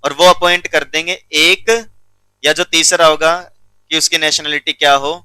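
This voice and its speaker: A man's voice: fairly high pitch, flat delivery, normal speed, sharp tone, smooth, no room sound, poor audio. A male teacher giving a classroom law lecture, keeps checking whether students follow and teases them sternly.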